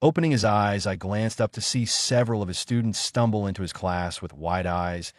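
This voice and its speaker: A man reading a fan fiction story aloud in a steady voice, with occasional misread words. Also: on the low side, moderate pace, no room sound. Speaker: reader.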